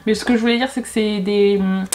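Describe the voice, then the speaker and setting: A woman's voice: mid-range voice, fairly even intonation, quick pace, darkish tone, slight background noise. A woman talking casually to camera in a beauty unboxing vlog, chatty and rambling, often hesitating and correcting herself. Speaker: beauty YouTuber.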